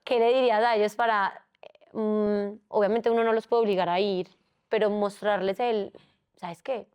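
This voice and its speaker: A woman's voice: medium pitch, steady tone, moderate pace, darkish tone, smooth. A woman, a psychologist co-hosting a casual interview, who talks animatedly and acts out the people she quotes. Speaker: psychologist, podcast co-host.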